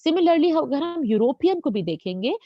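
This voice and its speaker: A patient woman teaching a grammar lesson, her fairly high voice rising and falling a lot as she keeps checking whether the class follows. The sound is dry and a little dull. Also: very animated, normal speed, no echo. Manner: patient, checks understanding with repeated questions; addresses students as children. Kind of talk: grammar lesson explained in Hindi.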